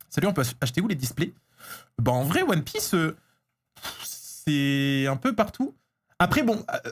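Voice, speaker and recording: A man streaming live as he opens trading cards, chatting casually, getting excited and answering his chat. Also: mid-range voice.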